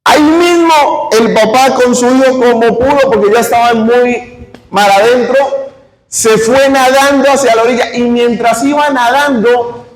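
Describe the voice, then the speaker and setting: A man preaching a sermon, telling a story with growing emotion and then leading a slow, soft prayer. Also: very high-pitched. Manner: storytelling with rising emotion, then prays softly. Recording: echoey hall with long reverb.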